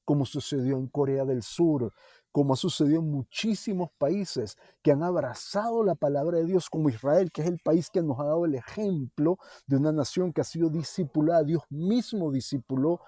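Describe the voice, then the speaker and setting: Fervent man preaching, warm voice. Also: on the high side, moderate pace, husky, dry recording, studio quality. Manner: fervent, rising to pleading questions; hesitant fillers and restarts. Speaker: Bible teacher. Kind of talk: Torah portion sermon.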